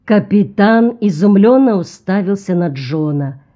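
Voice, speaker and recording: A woman narrating an audiobook in an even, measured reading. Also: medium pitch, dull audio.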